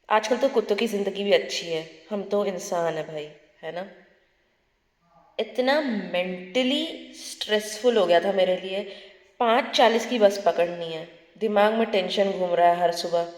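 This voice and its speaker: A young woman from India talks straight to camera as a student vlogger, chatty and lively, often breaking into laughter. Her mid-pitched voice rings through a bare room, trailing a long reverb. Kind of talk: casual vlog monologue.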